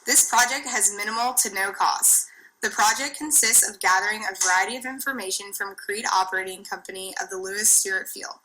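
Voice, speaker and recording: A woman's voice: medium pitch, fairly quick, bright, forceful tone, a little hiss or hum, rough recording. A young woman from Texas, a student reading a formal class presentation in a plain, listing way.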